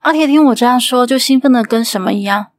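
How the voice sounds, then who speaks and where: Woman host with a Taiwanese Mandarin accent, steady suspenseful storyteller, slightly high voice. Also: quick pace, no echo. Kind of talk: storytelling narration.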